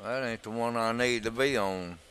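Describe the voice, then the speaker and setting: A man's voice: medium pitch, moderate pace, a bit bright, a little hiss or hum. A man, rambling in casual commentary while he plays a farming game, folksy and drawling. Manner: drawling, rambling, folksy talk to himself and viewers. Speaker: gaming streamer.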